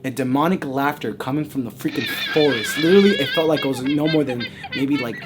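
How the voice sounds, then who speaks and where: A young man vlogging a spooky personal story, animated and dropping to a hush at times. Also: medium pitch, brisk, loud music behind the voice. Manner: animated, with sudden drops to a hush.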